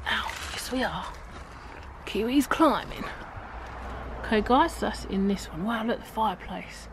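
A woman's voice: medium pitch, measured pace. Young woman, casual explorer vlog, outdoors, phone at arm's length, noisy background. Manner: chatty, addresses viewers as guys, hushed spirit calls. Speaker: paranormal explorer vlogger. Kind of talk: casual vlog narration to camera. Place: outdoors at a ruined overgrown gatehouse. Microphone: phone held at arm's length. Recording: outdoor phone audio, noticeable background noise.

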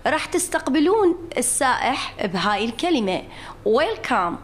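A woman with an Iraqi accent playing an English teacher in a comic sketch, brisk and patient with the class. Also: high-pitched, very animated, faint music behind. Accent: Iraqi Arabic.

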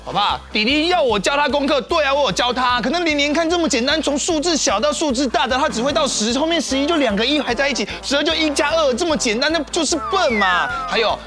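A young man playing an impatient, mocking schoolboy older brother in a children's TV sitcom, loud and whiny. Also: very high-pitched, lively intonation, fast talker, few pauses, soft background music, full character voice. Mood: indignant. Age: young adult. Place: TV studio set.

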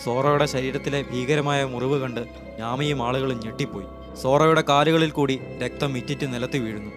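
A man narrating an anime episode recap as a scripted story, in a steady storytelling read on a close voice-over mic. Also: mid-range voice, fairly quick. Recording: voice-over with clear music behind.

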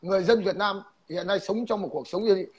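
A man hosting a casual online chat, explaining his views in a measured, moralizing way. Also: high voice, husky. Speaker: livestream host.

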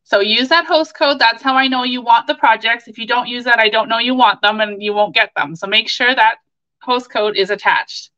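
A Canadian woman in her forties hosts a casual crafting livestream with chatty enthusiasm. Her voice is fairly high and very bright. The sound is slightly dull, as if caught by a webcam mic in a small home office. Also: normal speed. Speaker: craft demonstrator and livestream host.

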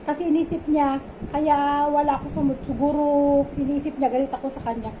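A woman's voice: high voice, steady tone, brisk, mellow. A young Filipino mother chatting casually to her viewers in a home vlog, talking about her baby and snacks. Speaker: vlogger and mother. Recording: noisy home phone recording.

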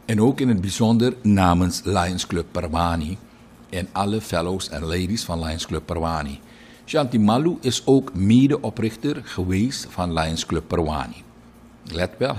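A middle-aged man with a very low voice reads out birthday wishes like a broadcast host. He talks in a chatty, lively way and drifts into anecdotes between names. A faint ambient hiss sits under his voice. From Suriname. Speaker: radio and TV presenter.

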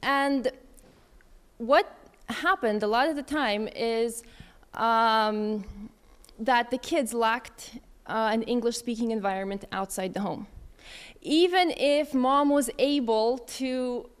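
Female speaker, 30s, from Russia, chatty conference talk, smooth tone pitched slightly high. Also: slow pace. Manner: casual and chatty, many fillers and restarts. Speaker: conference speaker, English teacher. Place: conference hall.

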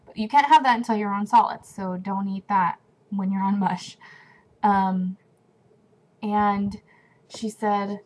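A woman's voice: mid-range voice, poor audio. Chatty young woman vlogging at home. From California. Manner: chatty and rambling, with many fillers and restarts. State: runny nose. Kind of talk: casual talking-to-camera vlog. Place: at home indoors.

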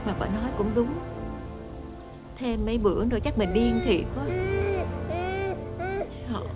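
A weary, long-suffering widowed stepmother with a Southern Vietnamese accent, played by an actress. Her slightly high voice sounds tired and close to tears. A clear music score runs under the TV drama dialogue. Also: lively intonation, normal speed, close to an everyday voice. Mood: exasperated. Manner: weary, exasperated and tearful. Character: worn-down woman, widowed, poor, long-suffering. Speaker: struggling stepmother and older sister. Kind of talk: TV drama acting.

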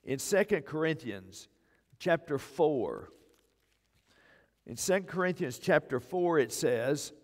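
Speaking slowly with long pauses, an older man preaches as pastor in a fairly high, very animated voice. He presses each point with repeated phrases while using a wireless mic on the indoor church stage. A church hall's long reverb surrounds him.

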